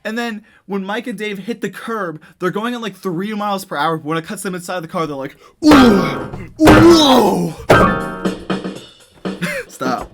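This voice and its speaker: Guy doing a funny sweary movie recap, slightly high voice, kinda incredulous and animated, bit of music behind. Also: fairly quick, hardly any pauses. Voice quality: sweary, slangy speech. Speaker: movie reviewer. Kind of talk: casual comedic movie recap.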